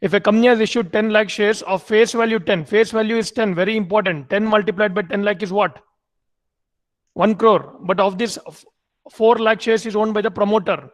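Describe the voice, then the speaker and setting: A man's voice: sits high, steady tone, fairly quick. A man lecturing an online MBA class, repeating key points and quizzing students with questions.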